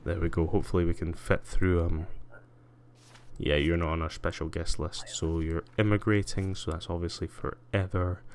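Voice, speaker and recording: Streamer, young man, low deep voice, chatty and self-deprecating, faint keyboard tapping behind. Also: little pitch movement, normal speed, slight background noise. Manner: chatty, self-mocking, mutters while playing. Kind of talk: casual gameplay commentary.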